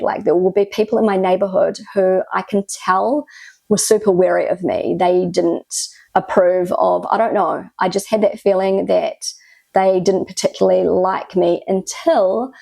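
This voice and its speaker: This Kiwi vlogger, English her first language, speaks earnestly and casually to camera with a New Zealand accent and reflective "you know" asides. Her gravelly, warm, medium-pitched voice stays steady at normal speed, with no room sound.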